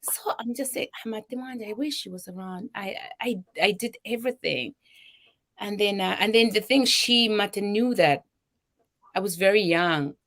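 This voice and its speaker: With a Zambian accent and a medium-pitched voice at ordinary speed, a middle-aged woman who started a charity relates her own experiences. She performs people's remarks as she goes, her telling both emotional and animated.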